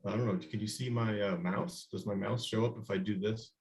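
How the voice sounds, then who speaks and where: Halting man presenting on a video call. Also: fairly low pitch, fairly even intonation, darkish tone. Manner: halting, many fillers and restarts. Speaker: guest scientist presenting. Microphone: video call microphone.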